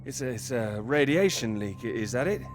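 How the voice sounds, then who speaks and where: A man's voice: mid-range voice, expressive, a little fast, lightly acted. [name], a man playing a stammering young academic. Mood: hesitant. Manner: hesitant, stammering. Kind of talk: video game voice acting. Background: game music.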